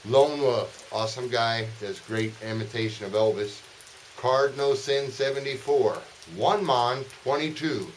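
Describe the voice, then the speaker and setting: A man's voice: medium pitch, rough recording. Joking man vlogging out in the rain. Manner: joking, coarse swearing. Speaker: vlogger, host. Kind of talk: casual vlog chat. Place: outdoors in the rain, sheltered dry spot. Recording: hissy, steady rain noise outdoors. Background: rain falling.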